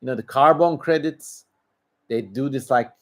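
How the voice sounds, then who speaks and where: A Turkish livestream host with a Turkish accent answers viewers in a casual stream, speaking in a mid-range voice at a moderate pace. He's opinionated and emphatic, and he tends to ramble.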